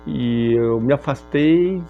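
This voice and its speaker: A man from Brazil sharing a personal testimony in a reflective, halting way with frequent filler pauses. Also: mid-range voice, creaky, narrow, tinny audio, soft background music. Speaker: speaker sharing a personal story.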